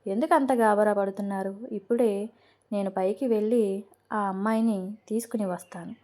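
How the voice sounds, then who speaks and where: A woman's voice: mid-range voice, fairly even intonation, normal speed, darkish tone, natural voice. A woman voicing a composed middle-aged mother who reassures her worried relatives in an audio novel. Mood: reassuring. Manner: reassuring, questioning.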